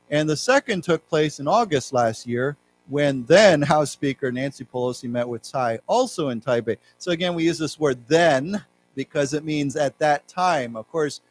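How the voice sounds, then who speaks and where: A man teaching an English class, who reads news passages aloud slowly, then explains the words and spells them out letter by letter. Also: fairly high pitch, poor audio. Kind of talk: classroom lecture on news vocabulary. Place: library lecture room.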